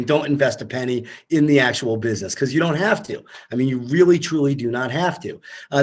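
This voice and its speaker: A man being interviewed as a startup founder, emphatic and motivational, talking in quick punchy lists over a video call. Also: medium pitch, husky. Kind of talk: conversational interview.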